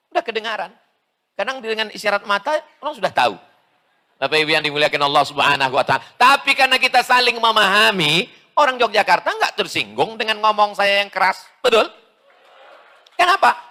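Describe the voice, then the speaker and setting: A man from Sumatra preaching a lively sermon to a large gathering, loud and emphatic with playful asides. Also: high-pitched. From Sumatra, Indonesia.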